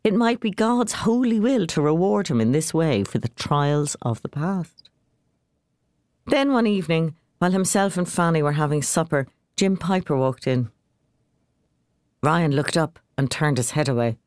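Storyteller reading a short story, lots of pitch swing, dry close mic. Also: animated, normal speed, a little mellow, dry recording. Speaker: narrator.

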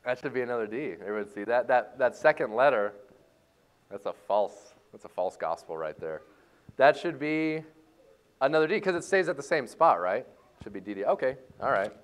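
A man leading a church music lesson for a class, joking and playful as he explains reading music and warming up voices. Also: mid-range voice, lively intonation, normal speed. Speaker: music teacher. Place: church hall.

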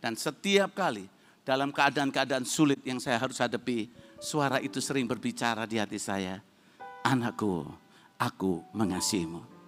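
A male pastor, telling stories in a dramatic sermon with sudden shouting bursts. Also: medium pitch. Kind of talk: sermon with storytelling. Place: church service.

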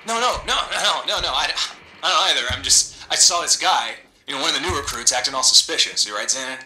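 A rambling young soldier over CB radio. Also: male voice, on the high side, fast, bright, forceful tone, echoey room, a little hiss or hum, poor audio. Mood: chatty. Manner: rambling, stammering, giggly. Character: chatty young male army recruit, eager. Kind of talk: video game voice acting.

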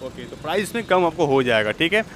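This young man's voice is a little high, a bit bright, and very animated, moving at a slightly fast clip. He's the host of an upbeat vlog touring an outdoor used-vehicle lot, echoing what the seller says into a handheld lapel-style mic.

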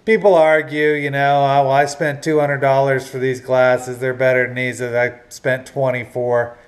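A man's voice: mid-range voice, flat delivery, moderate pace. A middle-aged man giving casual fishing tips in a rambling, folksy, self-deprecating way, recorded at home on a nearby action camera. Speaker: fishing channel host. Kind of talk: casual instructional talk. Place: living room at home, indoors.

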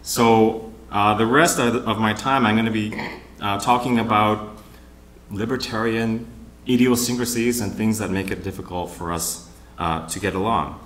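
A man moderating a panel at a conference, opening with wry, teasing jokes and pausing for laughs. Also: on the low side, fairly even intonation, fairly bright tone, roomy sound. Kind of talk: joking conference emcee remarks. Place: conference hall with live audience.

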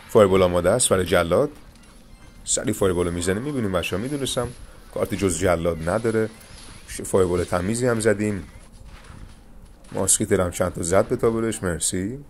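A young man with a deep, low voice talks his viewers through his matches in a calm, coaching tone. He sounds like he is recording at a desk, with a faint ambient hiss under the voice. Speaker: gaming YouTuber. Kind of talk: live gameplay commentary.

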